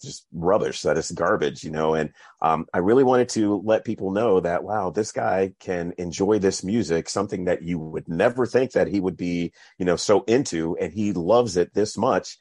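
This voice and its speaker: A very deep-voiced man from North Carolina, an author speaking in a casual interview. He sounds relaxed, laughs easily and doubles his words when he wants to stress a point. The sound is dry and close. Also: breathy edge, no room sound.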